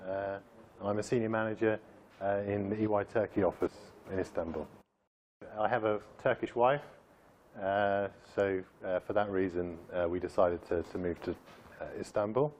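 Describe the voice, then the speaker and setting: A senior manager speaking hesitantly, with many fillers. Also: male voice, lowish voice, fairly even intonation, normal speed, a little mellow, dull audio, slight background noise.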